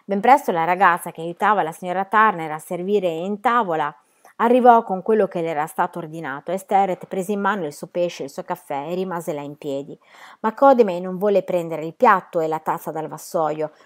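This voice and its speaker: A woman reading a novel aloud, narrating in a steady, measured way. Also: fairly low pitch. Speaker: reader. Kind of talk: audiobook narration.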